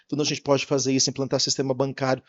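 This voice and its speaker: Fast-talking Brazilian man telling his story. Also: medium pitch, lo-fi sound. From Paraná, Brazil. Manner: lively, acts out dialogue with quoted voices, laughs often. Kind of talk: animated storytelling interview.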